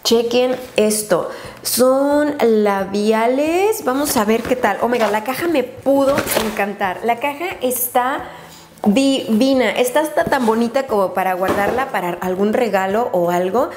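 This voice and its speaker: Excitable Mexican woman, higher voice. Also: normal speed. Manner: chatty and excitable, drops English exclamations. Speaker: beauty vlogger. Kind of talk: unboxing haul chat. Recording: roomy echo with faint noise.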